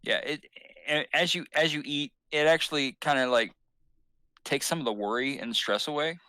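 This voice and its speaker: A man's voice: fairly high pitch, normal speed, sharp tone, clear, resonant tone, no echo. A man narrating as game master in a tabletop game, rambling and hesitant with fillers.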